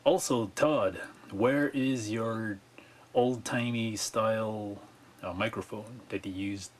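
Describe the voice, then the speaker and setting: A man's voice: lowish voice, fairly even intonation, takes it slowly, a little hiss or hum. A man from Canada leaving a casual, rambling voicemail for a show, played back on air. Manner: casual, rambling question with fillers. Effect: played back voicemail message. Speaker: caller.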